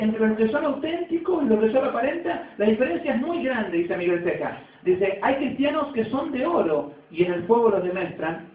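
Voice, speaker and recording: Argentine male pastor, sermon, roomy church echo, thin phone-like sound. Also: high voice. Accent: Argentine Spanish. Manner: conversational preaching with rising and falling emphasis. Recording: echoey distant phone-like church recording.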